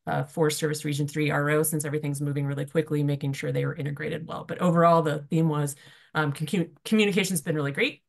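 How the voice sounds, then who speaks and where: Fast-talking low-voiced woman. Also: creaky. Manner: fast-talking, informal, many fillers. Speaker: breakout group reporter. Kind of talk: online workshop report-out. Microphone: video call.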